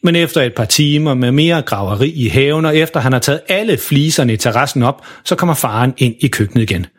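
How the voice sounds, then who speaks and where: Man, husky voice, lively storytelling, children's story narration. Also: mid-range voice.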